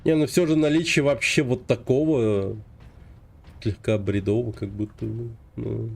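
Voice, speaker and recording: A man's voice: mid-range voice, fairly even intonation, unhurried, vocal fry. A man casually commenting on a video game he plays, muttering short slangy reactions. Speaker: gaming streamer.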